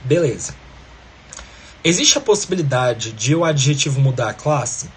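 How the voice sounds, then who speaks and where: A man's voice: medium pitch, lively intonation, normal speed, a little hiss or hum. A man teaching a grammar lesson, explaining step by step and often checking in with the listener.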